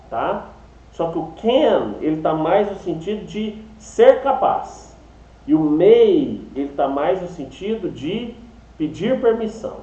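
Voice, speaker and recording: A man with a Brazilian accent teaches an English class, his voice a bit high, lively and mellow. He talks in a chatty way, explains step by step and keeps checking in with his students. The sound is a slightly dull recording in an echoey room. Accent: Brazilian Portuguese. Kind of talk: online class lecture.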